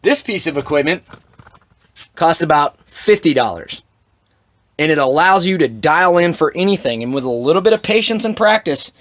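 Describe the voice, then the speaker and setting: A man's voice: on the high side, fairly bright tone. A man walking through a hands-on equipment demonstration, talking plainly with dry sarcastic asides. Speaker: shotgun reloading demonstrator.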